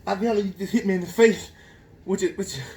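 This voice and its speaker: American guy kinda high voice, exasperated dad coaxing kid and dog, noisy home video. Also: fast talker, a little mellow. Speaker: parent filming a home video. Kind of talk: casual chat to a child and dog at home. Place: indoors at home.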